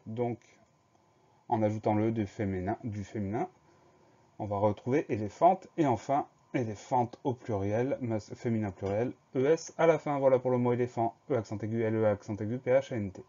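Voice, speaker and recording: A man teaching a spelling dictation lesson, going slowly and carefully and spelling each word letter by letter. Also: mid-range voice, warm tone, muffled recording.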